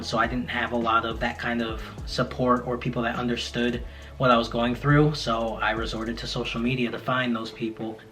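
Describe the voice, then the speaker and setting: A man's voice: medium pitch, fairly bright tone. A man in his late twenties, talking to camera in a casual vlog, candid and reflective with frequent fillers. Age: 20s. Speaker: content creator.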